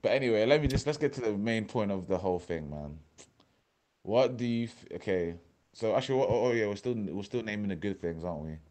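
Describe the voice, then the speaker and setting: A young man with a London accent, hosting a casual chat on a voice call, animated and swearing, often talking over his co-host. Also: fairly low pitch, fairly quick. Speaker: podcast host.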